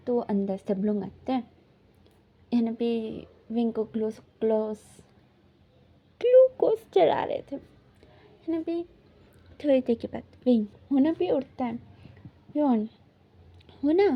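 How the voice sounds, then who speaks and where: A woman's voice: a little high, breathy edge, dull audio. A woman casually retelling a fan story, chatty and full of fillers, reading out the characters' lines in plain quotes.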